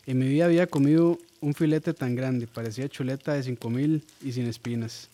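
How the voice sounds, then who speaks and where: A man's voice: medium pitch, steady tone, brisk, warm tone. A man co-hosting a casual podcast, laughing often and reading out listener messages. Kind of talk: casual chat.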